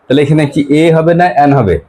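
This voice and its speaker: A man from West Bengal, India, teaches English grammar to a class in an expressive, dark voice on the high side. He asks pupils questions, repeats what they answer, and goes slowly through the English examples.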